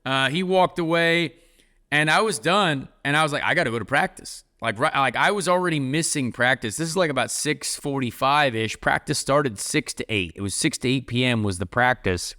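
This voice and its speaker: A man's voice: mid-range voice, normal speed, sharp tone. A man hosting a podcast, telling a long casual story with lots of "like" fillers. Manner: rambling, heavy use of "like". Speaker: podcast host.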